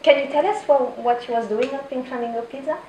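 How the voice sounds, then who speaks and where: A woman with a French accent, a guest in a casual chat, speaking English haltingly and searching for words. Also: high-pitched, echoey room, recorded from a distance, heavy background noise. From France. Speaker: guest, food truck owner.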